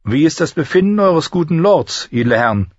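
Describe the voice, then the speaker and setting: A man's voice: a little high, very animated, no echo, dull audio, voice pushed up. A man doing a proud, resolute noblewoman. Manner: formal, measured.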